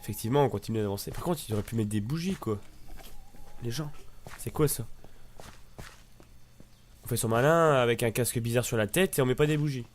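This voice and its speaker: A man's voice: mid-range voice, brisk, long pauses, slight background noise. Chatty French-speaking man with northern accent. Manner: chatty, rambling, swears lightly. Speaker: gamer. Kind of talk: casual let's-play commentary.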